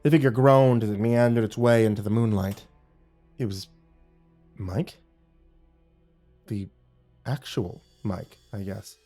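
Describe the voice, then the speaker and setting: A man narrating a scripted creepy campfire horror story in a hushed, suspenseful manner. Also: fairly low pitch, fairly even intonation, slow, long pauses. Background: music behind the voice.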